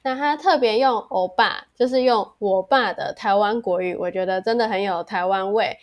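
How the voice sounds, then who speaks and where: A woman's voice: mid-range voice, moderate pace. A woman with a Taiwanese Mandarin accent co-hosting a podcast in casual conversation. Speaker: podcast co-host.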